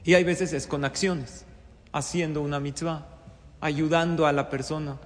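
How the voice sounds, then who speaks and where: A man teaches a Torah-based lesson on life's tests, pressing each point with rhetorical questions and repeated phrases. His voice sits a little high for a man. The recording carries a long, ringing reverb. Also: steady tone, measured pace. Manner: poses rhetorical questions, emphatic repetition. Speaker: religious teacher. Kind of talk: Torah-based moral talk.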